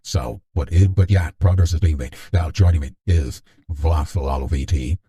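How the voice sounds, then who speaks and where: A man hosting a casual stream through a voice changer that makes his voice deep, rambling and joking with many restarts. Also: moderate pace, dark tone. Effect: deepened voice changer. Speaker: stream host.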